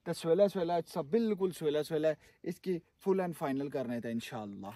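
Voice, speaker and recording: High-voiced man chatting on a lakeshore. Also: expressive, fast talker, dark tone. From Kashmir, Pakistan. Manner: chatty, addresses viewers directly. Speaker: vlogger. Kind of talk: casual outdoor building vlog. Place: outdoors on a dry lakeshore.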